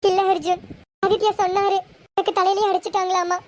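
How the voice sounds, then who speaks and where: A woman's voice: extremely high pitch, level tone, fast, darkish tone. A young woman voicing a tearful, caring sister-in-law in a homemade serial. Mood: worried.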